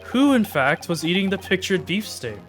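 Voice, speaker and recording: Figure: stern older male judge, a woman doing him. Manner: formal, measured. Style: game voice-over. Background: faint music. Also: on the low side, very animated.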